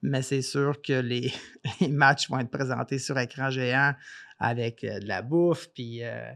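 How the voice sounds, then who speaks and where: A man with a Québécois accent, a podcast guest talking in a relaxed, hesitant way with many fillers. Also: mid-range voice, a little slow, creaky. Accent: Québécois French. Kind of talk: casual podcast interview.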